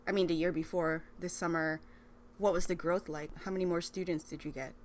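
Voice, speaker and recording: A woman hosting a casual interview, chatty and lively, laughing often as she asks questions. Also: lowish voice, brisk, a little hiss or hum. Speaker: podcast host.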